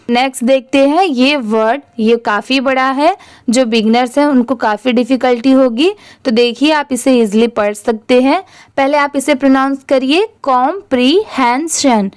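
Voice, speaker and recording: A woman's voice: high-pitched, smooth, no room sound, studio quality. A woman teaching English reading who spells words out letter by letter and then blends them into whole words. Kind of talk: slow spelling-out reading lesson.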